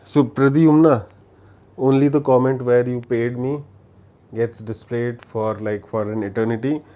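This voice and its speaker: Casual Indian man with a Telugu accent, mellow. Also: medium pitch, steady tone. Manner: halting, repeats words and restarts sentences often. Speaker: livestream host chatting with viewers. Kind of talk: casual chat, recommending films.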